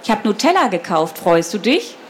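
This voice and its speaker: Storybook mother on holiday, relaxed, cheerful, matter-of-fact, read by a woman. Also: mid-range voice, normal speed, a little hiss or hum, close to an everyday voice. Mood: easygoing.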